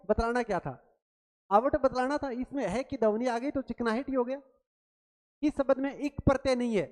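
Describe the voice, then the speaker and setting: A woman teaching a grammar quiz lesson, asking questions and answering them herself, repeating key words slowly. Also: high-pitched. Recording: long reverb, roomy sound.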